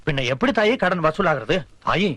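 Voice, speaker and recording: A man's voice: a little high, animated, moderate pace, fairly bright tone, no room sound. An actor playing a pushy, greedy village moneylender who threatens and insists on getting his debt back. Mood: wheedling. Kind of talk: film comedy acting. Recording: film soundtrack with music.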